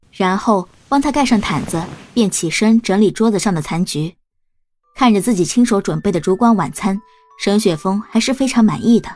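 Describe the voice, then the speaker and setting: An audiobook narrator reads a storybook aloud in a calm, steady, middle-pitched voice. Her narration stays even and unhurried from start to finish.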